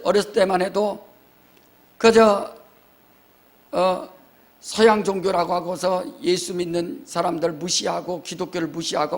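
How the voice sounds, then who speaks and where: An older man, a pastor, preaching a sermon in a church. He acts out mourning wails and keeps checking in with the congregation through rhetorical questions. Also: high voice. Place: church sanctuary.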